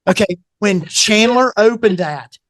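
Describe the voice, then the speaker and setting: Middle-aged man, guest author, animated storyteller who acts out quoted voices. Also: sits high, measured pace, no room sound, studio quality. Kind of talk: casual storytelling interview.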